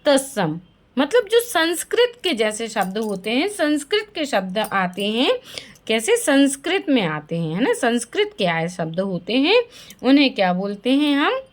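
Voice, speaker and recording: A woman's voice: a little high, huge pitch swings, unhurried. A woman teaching a language lesson to young children, asking questions and answering them herself and repeating the key words.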